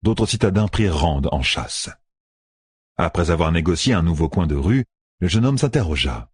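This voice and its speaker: A man narrating a fantasy audiobook in an expressive, storytelling manner, close to the mic. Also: sits low, moderate pace, slightly rough, no echo.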